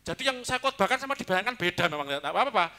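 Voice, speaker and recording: A man preaching a sermon as pastor, talking in a lively, joking way. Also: sits high, fast talker. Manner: lively, joking, mixes in Javanese.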